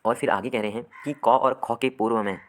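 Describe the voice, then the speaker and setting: A man's voice: mid-range voice, steady tone, brisk. A man teaching a grammar lesson to students. He poses questions, answers them himself, and keeps checking in with "theek hai.". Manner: repeats "theek hai" often.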